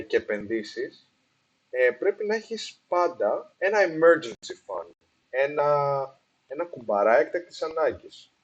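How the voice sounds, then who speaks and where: A man's voice: medium pitch, breathy edge, lo-fi sound. A man hosting a casual explainer on investing, slipping English phrases into his talk with many fillers and restarts, recorded with poor sound. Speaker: investing video host. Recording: poor sound quality, apologized for.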